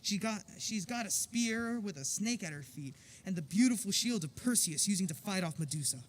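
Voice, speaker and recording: A man's voice: high voice, animated, moderate pace. A man playing a playful professor father with a mid-Atlantic accent in a staged concert reading of a musical, speaking in a theatrical, declaiming way. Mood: fond.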